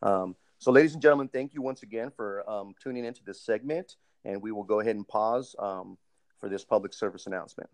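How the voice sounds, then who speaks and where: A man's voice: fairly low pitch, fairly even intonation, a little fast, darkish tone, dry recording. A man hosting a podcast interview, polite and formal, with many ums, calling his guest sir. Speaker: host, military doctoral student interviewer. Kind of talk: casual interview, recorded podcast segment.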